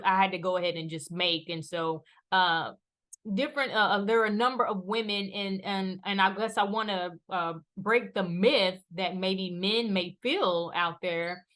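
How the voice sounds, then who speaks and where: A woman's voice: medium pitch, a bit bright. A woman co-hosting a casual conversation, thinking aloud with restarts as she builds on her sister's points. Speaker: co-host.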